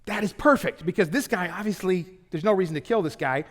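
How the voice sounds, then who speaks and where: A man preaching a sermon in a conversational, joking way, with sudden loud bursts. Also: high-pitched, fairly quick, long reverb tail. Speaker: pastor. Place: church auditorium.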